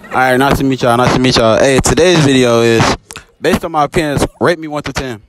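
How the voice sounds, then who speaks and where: A young man with a mid-range voice talks fairly quickly as he conducts a casual public interview in a shopping mall, holding his phone out as a microphone. He's upbeat and joking and keeps repeating his lines, and the phone audio picks up music and crowd noise.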